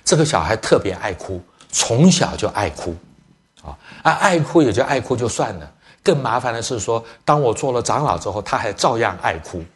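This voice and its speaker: A man's voice: mid-range voice, normal speed. A middle-aged man, a church elder, preaching to parents through family stories, acting out dialogue and dropping English phrases into his speech. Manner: lively storyteller, acts out family dialogue. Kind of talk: sermon storytelling to parents.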